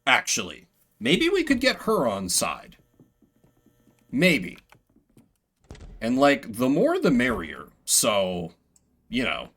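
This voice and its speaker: Giving live video game commentary, this excitable male streamer has a bright, punchy, slightly rough voice whose pitch leaps all over. His talk is loose, sweary slang with bits of game text read aloud, yet he takes it slowly, leaving long pauses.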